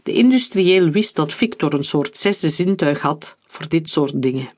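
A narrator reading a thriller aloud in a measured storytelling manner. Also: mid-range voice, lively intonation, darkish tone. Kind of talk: audiobook narration.

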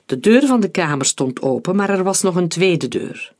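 A man narrating an adventure novel as an audiobook in a calm, steady reading. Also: high voice, normal speed. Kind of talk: scripted narration.

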